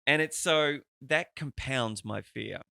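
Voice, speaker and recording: Gravelly, bright-voiced podcast host. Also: male voice, mid-range voice, slow pace, dry recording, studio quality. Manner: chatty, rambling and peppered with swearing. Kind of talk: casual conversational interview.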